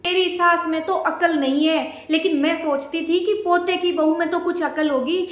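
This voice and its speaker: A woman's voice: extremely high pitch, steady tone, normal speed, roomy sound. A woman playing a nagging, demanding elderly grandmother who scolds and accuses the household. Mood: scolding.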